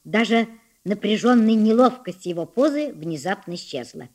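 A woman narrating classic prose aloud in an expressive, lively storytelling manner. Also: medium pitch, normal speed. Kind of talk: audiobook reading of classic prose.

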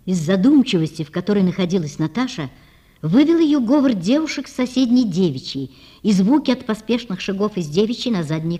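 A woman narrates a classic novel aloud in a mid-range voice, telling the story in a measured, expressive manner.

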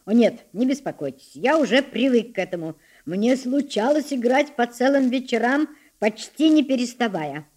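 A woman voicing a poor, shy but proud teenage boy with a hoarse, timid voice. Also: fairly high pitch, expressive, normal speed, hardly any pauses. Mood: restrained. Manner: quiet, restrained, polite.

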